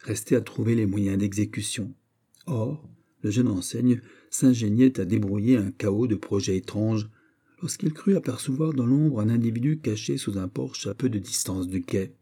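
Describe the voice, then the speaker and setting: A man narrating a classic sea story in a measured storytelling manner. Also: on the low side, mellow, breathy edge. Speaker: reader. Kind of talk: scripted narration.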